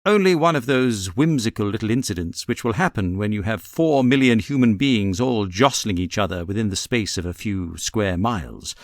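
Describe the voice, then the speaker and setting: A male audiobook reader voices a self-assured Victorian gentleman detective with a British accent, sounding precise, theatrical, amused, and musing. His lively pitch rises and dips freely at a moderate pace with few pauses, and the recording is dry, close, and free of echo.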